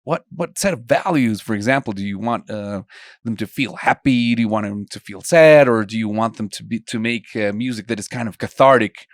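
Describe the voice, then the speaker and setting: This songwriting instructor, a young man from Colombia, has a lowish voice and speaks a little fast. He keeps his online lesson conversational and asks his students plenty of questions, recorded at studio quality without echo.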